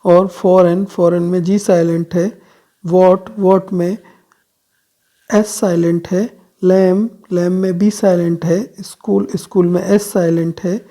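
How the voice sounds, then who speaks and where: A man working through a worksheet as an online teacher. He reads each English question aloud, explains it in Hindi, and checks in with a quick "okay" after nearly every point. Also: sits high, little pitch movement, mellow. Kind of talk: worksheet solution lesson.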